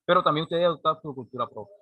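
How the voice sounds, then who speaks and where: A man's voice: a little high, fast, slightly rough, dry recording, phone-quality sound. A man, giving a classroom lecture and often checking in with a rhetorical "right?". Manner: explanatory, frequent rhetorical "¿cierto?" checks. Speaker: teacher.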